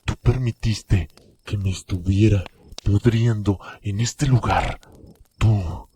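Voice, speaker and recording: A man voicing a delirious, bitter young man who accuses his brother in halting, repeated phrases, breaking into breathy harsh whispers, in a dramatic horror story. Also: lowish voice, steady tone, dark tone, a little hiss or hum. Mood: bitter, accusing.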